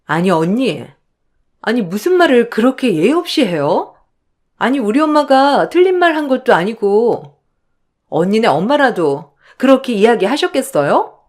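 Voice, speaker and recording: A woman plays a sharp-tongued young sister-in-law in a storybook drama, snippy and rude, her voice leaping up and down as she talks back. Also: on the high side, big pitch swings, moderate pace. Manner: snippy, defensive of her mother.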